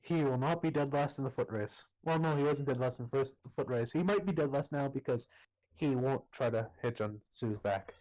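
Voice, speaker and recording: Teasing game master, casual tabletop narration, quick to laugh. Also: medium pitch, darkish tone, low-quality recording.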